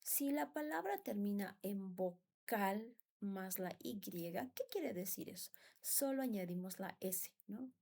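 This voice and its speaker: Slow, gravelly-voiced teacher. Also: female voice, mid-range voice, animated, dark tone. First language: Spanish. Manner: patient, repeats words and asks "¿no?" for agreement. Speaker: English teacher. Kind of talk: classroom explanation.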